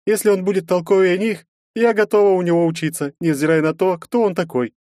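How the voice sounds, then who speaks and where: A man voicing a sharp-tongued young woman student in an audiobook, mocking and lecturing. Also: high voice, steady tone, a little fast, no echo, studio quality, voice pushed up, lightly acted. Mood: pleased. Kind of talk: audiobook narration.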